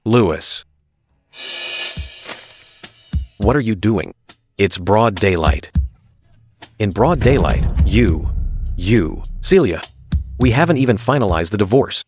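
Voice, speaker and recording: A man's voice: lowish voice, lively intonation, unhurried, long pauses, over music. A man playing a guarded, possessive company president in an English-dubbed drama, curt and serious. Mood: jealous.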